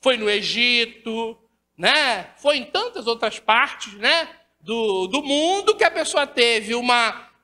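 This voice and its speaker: A woman's voice: a little high, expressive, slow pace, pushed and bright. A woman with a Rio de Janeiro Brazilian accent giving a spiritist lecture, asking rhetorical questions and tagging her sentences with questions to the audience. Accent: Brazilian Portuguese, Rio de Janeiro. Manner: rhetorical questions, constant tag questions, acts out dialogues. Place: lecture hall of a spiritist center. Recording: reverberant hall.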